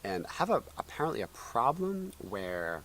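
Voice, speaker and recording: A man in his thirties, co-hosting a casual chat show and telling stories in a lively way. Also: medium pitch, moderate pace, crowd noise. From United States. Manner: lively storytelling, chuckling. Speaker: co-host. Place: outdoor backyard.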